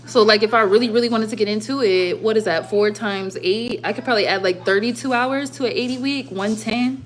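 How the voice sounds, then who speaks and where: Brisk and a little high in pitch, this young woman hosts a livestream from her home, rambling in casual, slangy fashion. She comes from the American Southwest, Arizona and Las Vegas.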